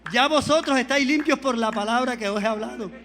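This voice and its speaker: Pentecostal preacher guy, really high bright voice, goes from soft to yelling, keeps asking for amens. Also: fast. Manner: fervent, swings from quiet pleading to shouting; calls on the congregation for amens. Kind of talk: Pentecostal sermon.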